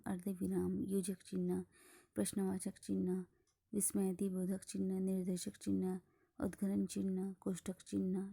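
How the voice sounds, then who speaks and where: A woman teaching a school grammar lesson, explaining slowly and deliberately, with many phrases dropping into a breathy half-whisper. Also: mid-range voice, warm tone.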